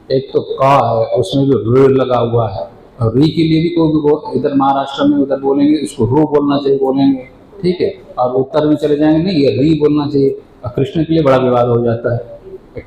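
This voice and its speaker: A man giving a devotional sermon as a spiritual teacher, explaining patiently, asking questions and answering them himself, and slowly drawing out chanted words. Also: mid-range voice, mellow. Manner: chants the divine name slowly and drawn out. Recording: echoey room with faint ambient noise.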